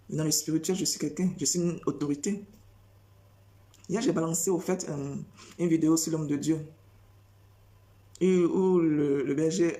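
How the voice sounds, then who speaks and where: Une femme qui prêche sans notes, répète ses phrases et enchaîne les questions rhétoriques avec insistance. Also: female voice, low-pitched, warm tone. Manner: repetitive, rhetorical questions, emphatic. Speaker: preacher. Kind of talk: spontaneous preaching monologue.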